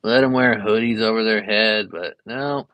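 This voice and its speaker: A man's voice: on the low side, fairly even intonation, moderate pace, fairly bright tone, no room sound. A young adult man, an art teacher and variety streamer, chatting casually and rambling with many fillers while drawing live at home. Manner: rambling, easygoing, lots of fillers.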